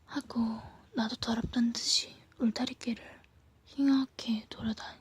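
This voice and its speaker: A woman reads a story aloud for ASMR. She whispers as if leaning in close, soft and hushed. Her voice is almost all breath, with very little voiced tone. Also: fairly high pitch, steady tone, a little slow, breathy edge. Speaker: ASMR reader.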